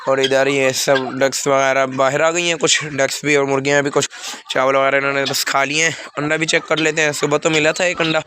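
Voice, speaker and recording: A young man keeping birds talks plainly and rambles to his viewers while feeding them in an outdoor rooftop enclosure, saying he feels feverish and unwell. He has a Pakistani Urdu accent and a medium-pitched, level voice that runs a little fast, over a noisy background of clucking chickens and birds.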